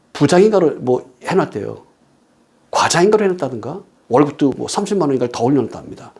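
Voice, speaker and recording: A man preaching a sermon, who talks emphatically, asks rhetorical questions and moves between loud stresses and quiet storytelling. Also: mid-range voice, gravelly, breathy edge.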